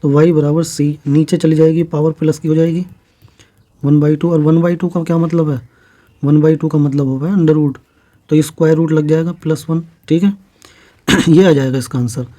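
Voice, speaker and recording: A man's voice: on the high side, normal speed. A man teaching a maths lesson for exam preparation, explaining each step plainly and checking in often. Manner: steady step-by-step explaining with frequent "theek hai" checks.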